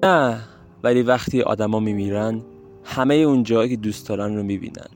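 An actor playing a gentle, affectionate old grandfather in an audio drama. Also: lowish voice, faint music behind, natural voice. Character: kind, teasing old grandfather.

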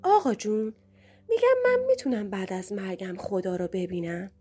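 A woman's voice: mid-range voice, huge pitch swings, mellow. A woman voicing a curious, playful little girl who pleads and whines. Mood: eager. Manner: whiny and pleading.

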